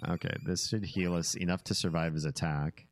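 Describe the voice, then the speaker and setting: A man's voice: sits low, steady tone, moderate pace. A man giving casual gameplay commentary with wry, joking asides. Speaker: gamer playing and commenting.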